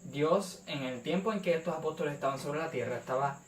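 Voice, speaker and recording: Young Puerto Rican male host, deliberate and hesitant delivery, distant mic in an echoey room. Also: fairly high pitch, a little hiss or hum. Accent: Puerto Rican Spanish. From Puerto Rico. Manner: measured, frequent "eh" fillers. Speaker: YouTube channel host. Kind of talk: apologetics response video.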